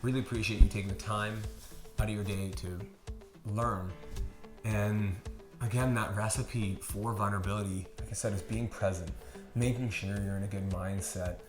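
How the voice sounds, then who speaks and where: A man's voice: lowish voice, fairly even intonation, music in the background. A man hosting a podcast on relationships, talking casually in an earnest, careful way. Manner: earnest, speaks slowly and carefully. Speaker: podcast host. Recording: echoey room with faint noise.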